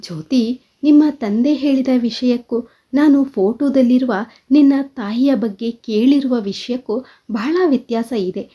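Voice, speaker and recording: A woman's voice: fairly high pitch, measured pace, mellow, husky. A woman voicing an earnest, persuasive young man who pleads and reasons, in a dull lo-fi recording.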